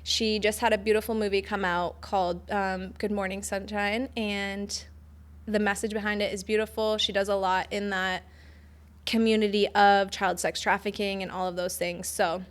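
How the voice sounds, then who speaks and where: A woman's voice: mid-range voice, level tone, normal speed. A woman in her twenties hosting a podcast, bubbly and effusive, saying "like" often. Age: 20s. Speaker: podcast host. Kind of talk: casual podcast chat.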